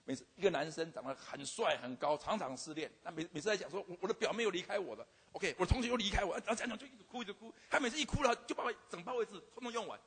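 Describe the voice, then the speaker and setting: A man's voice: high voice, animated, rapid-fire, few pauses, fairly bright tone, breathy edge. An older man, a university teacher, tells a humorous testimony about his students, stammering and repeating himself with frequent "OK" fillers. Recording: long hall reverb.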